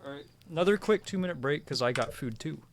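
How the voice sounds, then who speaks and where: A man's voice: on the high side, animated, fast talker, slight background noise. A man co-hosting a game stream, joking and talking through what he does in the game. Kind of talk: casual game stream chat.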